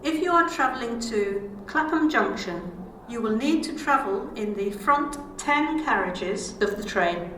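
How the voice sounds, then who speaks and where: A woman's voice making a train station announcement through a public address loudspeaker. She is a little high in pitch and deliberately slow, every word set out evenly. The sound bounces around a busy station with plenty of ambient noise behind it. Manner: measured, even recorded delivery. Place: railway station platform. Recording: echoey platform loudspeaker, noisy station.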